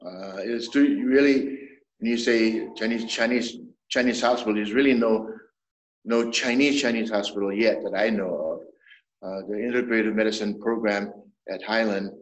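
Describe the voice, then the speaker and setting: Low-voiced man in his seventies, roomy sound. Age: 70s. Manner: measured and explanatory, with frequent restarts. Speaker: traditional Chinese medicine doctor, guest. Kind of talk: explanatory interview talk. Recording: roomy echo.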